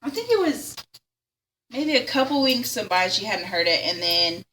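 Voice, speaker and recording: Young woman, bright chatty storyteller, giggles often, faint hiss behind. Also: mid-range voice, big pitch swings, normal speed, rough recording. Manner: giggly, chatty, acts out quoted voices. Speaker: caller telling a ghost story. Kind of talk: casual storytelling on radio.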